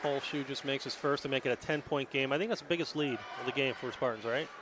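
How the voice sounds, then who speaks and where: A man giving quick, casual color commentary on a high school basketball game. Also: a faint crowd. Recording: loud gym noise.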